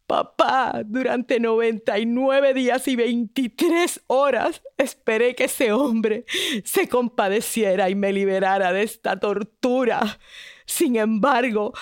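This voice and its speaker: A worn-out but proud princess, as a woman storyteller puts her on, talking to her father with quiet firmness. Her voice sits a little high and sounds close and dry, with no room around it. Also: dry recording.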